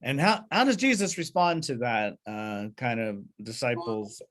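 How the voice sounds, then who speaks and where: A man teaching a Bible study group over a video call, at a mid-range pitch. He explains patiently, full of "uh"s and restarts, and stops often to put questions to his listeners. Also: animated, unhurried, fairly bright tone.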